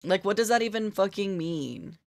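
A woman's voice: medium pitch, expressive, normal speed. A young woman streaming while she draws, chatting to her viewers in a giggly, gushing way. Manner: giggly, gushing, talks to chat. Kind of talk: casual live-stream chat while drawing.

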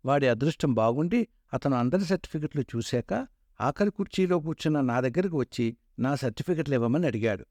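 Man in his sixties, autobiographical narration, earnest and steady, mid-pitched, dry close sound. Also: brisk, no echo. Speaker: storyteller of his own life.

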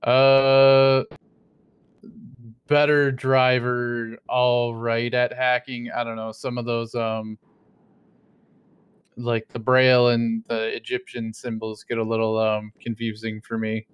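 A man's voice: medium pitch, level tone, takes it slowly, smooth, no room sound, dull audio. A man voicing his roleplay character in casual chat, rambling with many fillers and joking in a mock-innocent way. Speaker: streamer playing a roleplay character.

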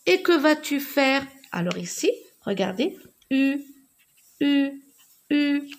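Slow, careful woman teaching reading. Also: high-pitched, big pitch swings. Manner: slow, careful, repeats words and sounds letters out. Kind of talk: reading lesson for young children.

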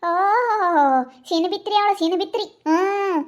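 A woman playing a boastful village woman who scolds fast and emphatically, speaking with a village Kannada accent. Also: very high voice, steady tone. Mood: bragging. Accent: Kannada, Karnataka village dialect. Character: boastful village woman proud of her rich uncle. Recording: slightly dull lo-fi recording.

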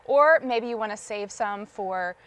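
A woman's voice: mid-range voice, measured pace, fairly bright tone, clean tone. Enthusiastic woman selling food on TV. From Southern United States. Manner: enthusiastic, lists ingredients, gushes over the food. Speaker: guest food vendor. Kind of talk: TV shopping food presentation. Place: TV studio kitchen set.

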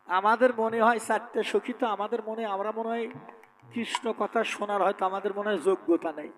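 Sulky, reproachful young women, read by a man, high and drawn-out. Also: fairly even intonation, a bit bright. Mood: aggrieved. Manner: complaining, reproachful. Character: Radha's impatient female companions, aggrieved and sulking.

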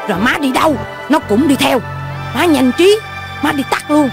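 A shrill, excitable old mother. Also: moderate pace. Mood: fussy. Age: older. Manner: shrill, wailing, swings between sobbing and laughing. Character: excitable old mother who won the lottery. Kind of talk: comedy sketch acting. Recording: music playing behind.

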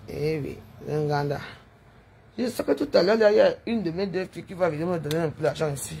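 A woman's voice: lowish voice, a little fast, gravelly, warm tone, slight background noise. An older woman chatting to her viewers in a rambling, digressive livestream monologue, sprinkling in sound-effect noises.

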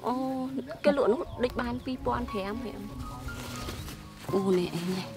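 Vlog host: chatty woman, slightly high voice, talking outdoors over loud background music. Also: moderate pace. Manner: chatty, laughs often. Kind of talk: casual chat while harvesting. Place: outdoors on a rural farm.

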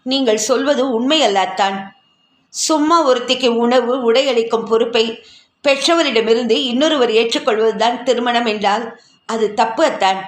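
A woman's voice: on the high side, normal speed, lightly acted. A woman voicing a hurt, proud young newlywed wife who speaks in a pleading, reproachful way, heard in a roomy recording. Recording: roomy echo.

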